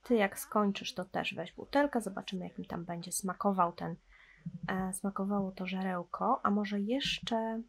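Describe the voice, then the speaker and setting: A woman's voice: mid-range voice, fairly even intonation, moderate pace, vocal fry. Chatty woman narrating her gameplay. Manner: chatty, talks to viewers and to her game characters. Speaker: gameplay commentator. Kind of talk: casual let's-play commentary.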